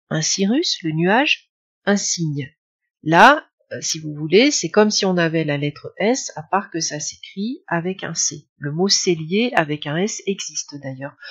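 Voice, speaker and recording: A woman's voice: lowish voice, breathy edge. A French-accented woman teaching a recorded spelling lesson, explaining step by step with fillers and small self-corrections. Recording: slightly dull, lo-fi sound.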